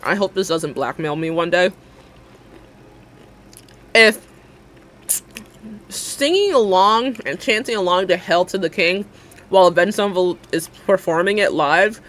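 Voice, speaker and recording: A woman's voice: on the low side, fairly bright tone. A young adult woman chatting casually with her live viewers, rambling with lots of fillers and frequent laughs. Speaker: livestreamer.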